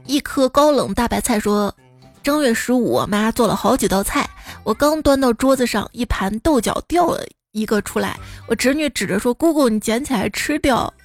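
Speaking at a moderate pace in a fairly high voice, a female radio host reads out listeners' humorous stories about children as faint music plays behind her. Her commentary is playful and teasing, and she does lively imitations of the kids.

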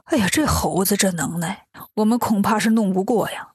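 A woman voicing a boastful, scheming male demon king in a children's story, with a sly, slow drawl. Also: fairly high pitch, slightly rough, no room sound, studio quality. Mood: wary.

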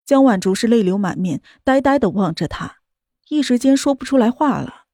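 A woman narrating a romance audiobook in a smooth, steady storytelling manner. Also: a little high, normal speed, no echo, clean studio sound.

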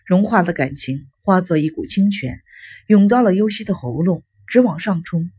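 Warm, husky woman narrating a story. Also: on the low side, moderate pace. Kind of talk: audiobook narration.

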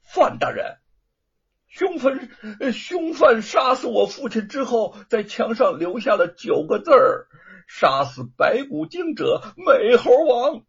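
A man playing a wailing young mourner, shrill and loud. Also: very animated, a little slow, husky, muffled recording, exaggerated voice. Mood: accusing. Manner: loud wailing, accusing shouts.

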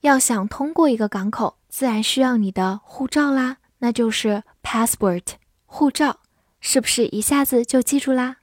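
A woman teaching English vocabulary in a scripted lesson, spelling words out letter by letter and reading example sentences slowly and carefully. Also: on the high side, no echo, studio quality.

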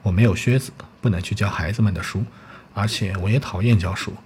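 A man's voice: fairly low pitch, fairly quick, a little mellow, slight background noise, lightly acted. Brooding poor student, read by a man. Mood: irritable. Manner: curt, grim.

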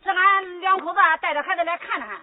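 A steady, reasoning old mother argues in Henan dialect in a very high voice. She sounds firm rather than tearful. The sound is tinny and narrowband, with a crowd audible behind. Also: fast talker. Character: firm old mother defending her son. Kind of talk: comic folk opera dialogue. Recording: tinny lo-fi stage recording with audience.

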